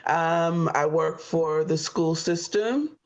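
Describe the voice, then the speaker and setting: A woman in her fifties from Florida introducing herself on a dating show, chatty, pausing often on "um" and quick to laugh. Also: low-pitched, lively intonation. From Florida, USA. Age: 50s. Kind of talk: casual self-introduction. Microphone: computer on a video call.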